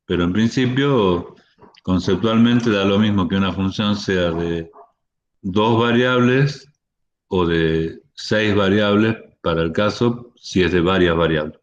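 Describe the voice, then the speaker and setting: A man's voice: low voice, unhurried, lo-fi sound. A man giving an online university math lecture, explaining step by step with frequent restarts and fillers.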